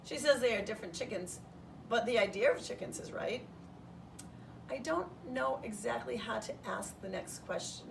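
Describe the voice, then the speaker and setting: A woman with a creaky, mid-range voice reads a first-person kids' story the way a third-grade teacher would, lively in intonation and steady in pace. The microphone is set back from her, and a low hiss lingers in the background.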